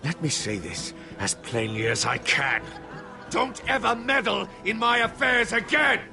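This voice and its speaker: An actor voicing an angry, threatening lord in a video game, with a gravelly voice. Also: male voice, sits high, big pitch swings, measured pace, full character voice. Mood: furious. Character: furious, threatening lord with powerful friends. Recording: music behind the voice.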